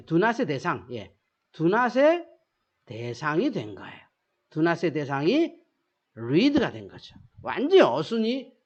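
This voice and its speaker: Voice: medium pitch, husky. A teacher giving a recorded grammar lesson, asking rhetorical questions, answering them, and repeating key phrases to drill them in. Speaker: English teacher. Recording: dull lo-fi sound.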